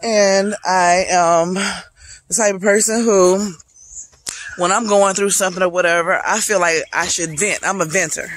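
A nearly-40 vlogger from Charlotte, North Carolina hikes a wooded trail, phone held out at arm's length, and speaks to "y'all" in a talky, reflective, motivational monologue. Her voice is on the low side, steady in tone, and a little slow.

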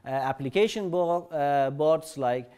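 A man giving a technical conference talk, halting, with many fillers and restarts. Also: a little high, mellow, clear, resonant tone. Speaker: conference presenter. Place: conference session room.

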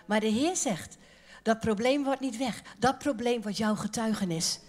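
Levendige, grappende predikante. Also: female voice, fairly high pitch, normal speed. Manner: lively, joking, colloquial, acts out quotes. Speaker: preacher at a women's conference. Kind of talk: sermon. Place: church conference hall.

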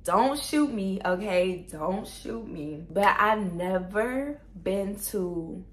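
A young woman from with a slightly raspy morning voice, chatting casually to her vlog viewers and laughing often. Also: mid-range voice, animated, slow. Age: young adult. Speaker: vlogger.

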